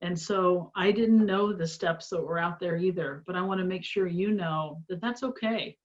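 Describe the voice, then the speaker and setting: A woman's voice: fairly low pitch, moderate pace. A middle-aged woman from a small town in Indiana, introducing a webinar as the organization's president, earnest and encouraging, with frequent fillers. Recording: slightly dull webinar audio.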